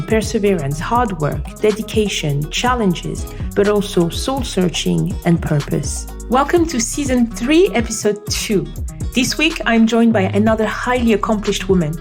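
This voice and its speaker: A woman's voice: mid-range voice, a little mellow. Woman podcast host over faint music. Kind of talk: scripted intro and interview questions. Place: London.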